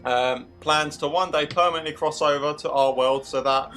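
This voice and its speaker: A man's voice: a little high, steady tone, moderate pace, fairly bright tone, soft background music. A man reading a story aloud to friends, exasperated, swearing and stumbling over the names. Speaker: reader of the story. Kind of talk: casual comedic read-along.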